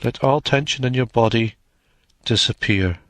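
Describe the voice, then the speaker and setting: In a soothing, measured way, a man narrates a guided meditation, separating short phrases with long pauses. His voice sits in the mid-range and is a bit bright, with no room sound at all.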